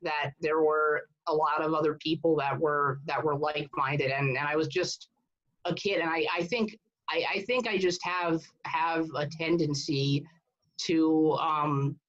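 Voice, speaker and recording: A man's voice: fairly high pitch, fairly even intonation, measured pace, a bit bright. A man in his thirties from Connecticut, talking casually as an interview guest, often restarting and repeating words. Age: 30s. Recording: dull, muffled sound.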